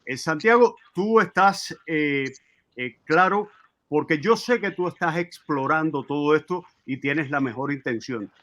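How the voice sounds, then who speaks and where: High bright-voiced male interviewer. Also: a little slow. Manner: hesitant, many filler sounds. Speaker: host. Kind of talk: interview questioning.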